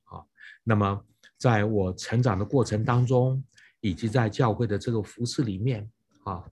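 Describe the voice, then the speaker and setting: Guy giving a sermon, dark husky voice, keeps asking the crowd questions. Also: lowish voice, moderate pace. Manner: explanatory, frequent "hao" and "ne" fillers, rhetorical questions. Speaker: preacher.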